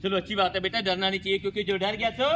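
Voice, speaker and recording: A man's voice: sits high, very fast. A man performing as a stage magician at a school event, telling stories and repeatedly addressing the children. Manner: repetitive, lively storytelling, keeps addressing the children. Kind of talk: magic show patter for schoolchildren. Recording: noisy school show recording.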